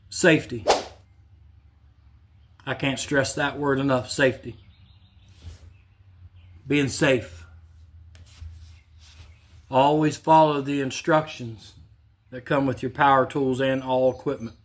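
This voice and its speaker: A man hosting a woodworking channel, casually demonstrating in his home shop in a plainspoken, repetitive way. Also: fairly high pitch. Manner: plainspoken, repeats himself, relaxed restarts.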